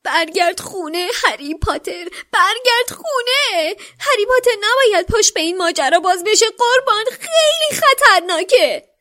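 Dobby, a woman doing a shrill weeping house-elf. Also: a bit bright. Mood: frantic. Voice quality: squeaky, shrill. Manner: whimpering, stammering, pleading. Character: frantic, tearful little male house-elf servant. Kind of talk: audiobook character voice.

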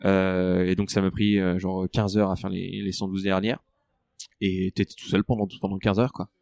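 A man in a relaxed interview, talking through his running training with many fillers and restarts. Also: low voice, normal speed, creaky. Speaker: ultra-trail runner guest. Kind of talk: conversational interview.

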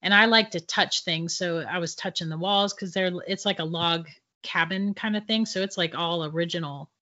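Again the guest psychic, a middle-aged woman, shares personal stories casually and laughs a lot. This time her lowish voice moves at a moderate pace and sounds pushed and bright. The recording has a dull, lo-fi quality.

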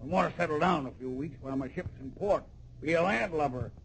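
An actor playing a gruff, hearty and boastful old sailor with salty nautical slang, in old-time radio drama style. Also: male voice, a little high, quick pace, slight background noise, poor audio. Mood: boastful, wheedling.

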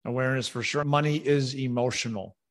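A man with a medium-pitched voice co-hosts a podcast. He talks through his points in a conversational, discussion style. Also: fairly even intonation, brisk. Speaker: podcast co-host.

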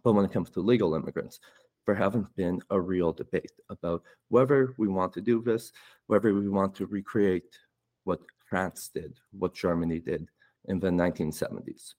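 Low-voiced man tagging points with "right?". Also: steady tone, moderate pace, darkish tone. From Poland. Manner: tags statements with "right?". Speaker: guest. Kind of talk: casual interview talk.

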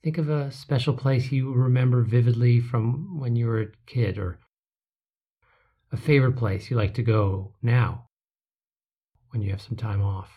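A guide leading a slow relaxation exercise, with soft drawn-out phrases that trail into whispers. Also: medium pitch, fairly even intonation, slightly rough, muffled recording.

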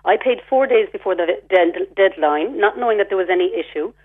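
Over a phone line, an Irish caller to a radio program describes her complaint thoroughly and with clear resentment, going back over her exchanges. Her voice is medium in pitch and fairly quick.

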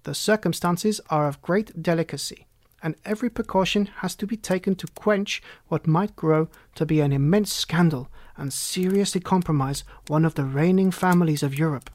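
A man's voice: a little high, moderate pace, a little mellow, dry recording, close to an everyday voice. A man puts on a huge, proud Bohemian monarch for an audiobook. He speaks formally and haughtily, with agitation under the stately manner. The sound is dry and close. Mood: haughty, formal. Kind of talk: audiobook character reading.

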